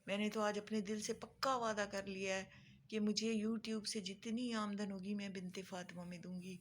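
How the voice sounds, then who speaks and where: A woman's voice: mid-range voice, level tone. A woman vlogger, talking tearfully to her viewers in an earnest, pleading way and repeating phrases for emphasis. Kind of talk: emotional monologue to viewers.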